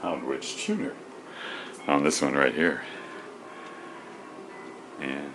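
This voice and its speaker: A man's voice: extremely low pitch, slow pace, over music, rough recording. A man chatting to himself in his home kitchen, rambling and absent-minded as he cooks and tidies up. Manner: absent-minded, talks to himself while working. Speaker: home cooking vlogger. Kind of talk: rambling casual cooking commentary.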